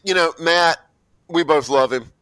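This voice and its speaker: A man's voice: a little high, measured pace, a bit bright, clear, resonant tone, no echo, low-quality recording. A man co-hosting a casual music podcast, joking and sardonic, stammering now and then, recorded close on a home mic. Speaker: podcast co-host.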